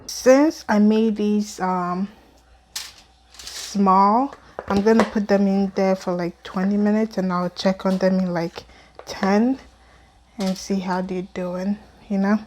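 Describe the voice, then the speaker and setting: A woman's voice: mid-range voice, fairly even intonation, slow pace, a little mellow, a little hiss or hum. A woman casually talking viewers through her home baking, chatty and full of fillers. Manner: chatty, lots of fillers, addresses viewers as guys; talks with mouth full at times. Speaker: home cooking vlogger. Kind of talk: casual cooking vlog.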